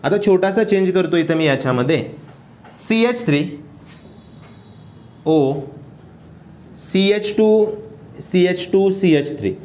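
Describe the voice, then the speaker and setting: A male chemistry teacher giving a classroom lecture, constantly firing questions at his students and urging them to answer aloud. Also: high-pitched. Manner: keeps quizzing students with quick questions.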